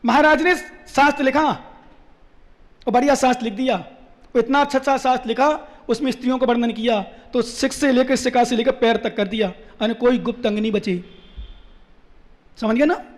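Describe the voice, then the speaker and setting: Man, monk's sermon, very high voice, quick and teasing, echoey hall. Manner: quick-talking, questions the audience, teasing. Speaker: Jain monk.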